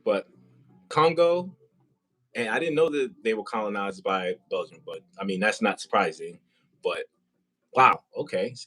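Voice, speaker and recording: A man's voice: on the low side, lively intonation, unhurried, pauses often, pushed and bright, poor audio. A man hosting a casual live interview, chatty and rambling with many fillers. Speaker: host. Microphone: compact wireless mic.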